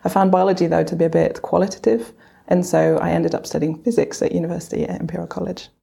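Brief: physicist woman from Belgium, low gravelly voice, fast earnest telling with fillers. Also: little pitch movement, mellow. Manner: quick, earnest, with frequent fillers. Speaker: physicist interviewee. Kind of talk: reflective career interview.

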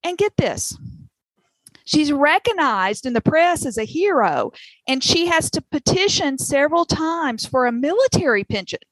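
A woman's voice: sits high, very animated, normal speed, dry recording, low-quality recording. A woman with a Southern US accent, telling a story passionately on a podcast with laughing asides. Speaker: podcast co-host. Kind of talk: casual chat.

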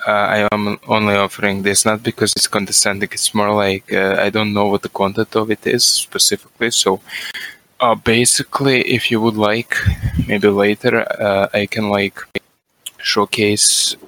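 Flat, bright-toned Croatian man. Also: fairly low pitch, normal speed, low-quality recording. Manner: polite, careful. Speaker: caller.

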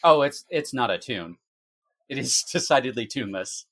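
A man's voice: medium pitch, lively intonation, moderate pace, a bit bright, no room sound, voice pushed down. A man voicing a cheerful male investigator in a tabletop role-play, with a put-on accent and a polite, upbeat manner.

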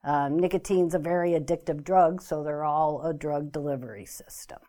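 A woman's voice: deep voice, steady tone, normal speed, mellow. A woman explaining as a guest expert in a talk interview, careful and full of ums and restarts. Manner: hesitant, many ums and restarts. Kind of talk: informational talk show interview.

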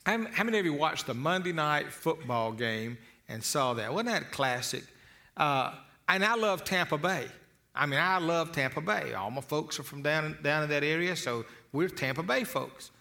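Folksy, bright-voiced male motivational speaker. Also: on the high side, moderate pace, vocal fry. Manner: folksy, with repeated word restarts; storytelling with lively asides. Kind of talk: motivational talk to an audience.

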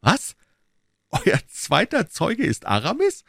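A man's voice: medium pitch, big pitch swings, moderate pace, no echo, studio quality, pitched above the performer's own voice. A man reading aloud, voicing a polite, brave young male swordsman in a raised voice. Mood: astonished. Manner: polite, formal.

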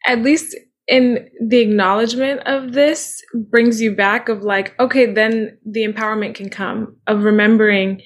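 A woman's voice: on the high side, fairly even intonation, normal speed. A woman hosting a podcast, chatting eagerly and agreeing with her guest, rambling with "like" and "you know.". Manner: enthusiastic, agreeing, rambling with fillers. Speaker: podcast host. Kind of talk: casual conversational chat.

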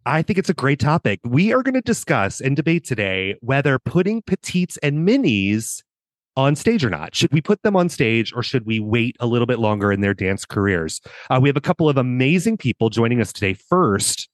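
This is a male podcast co-host with a playful, upbeat manner. His pitch swoops and jumps as he banters. The sound is dry and close, with no room around it. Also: very animated, a little fast, no room sound. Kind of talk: casual podcast chat.

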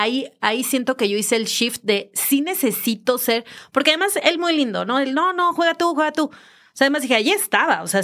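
Mexican woman, podcast host, animated storyteller, slightly high voice, quick laughs. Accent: Mexican Spanish. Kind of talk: casual chat.

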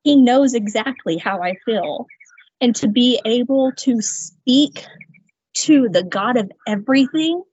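Husky, earnest woman sharing testimony. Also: on the high side, lively intonation, measured pace, a little mellow, no echo. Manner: earnest, reflective, with light laughs. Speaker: guest sharing her faith story. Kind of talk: candid personal testimony. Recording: slightly muffled, dry sound.

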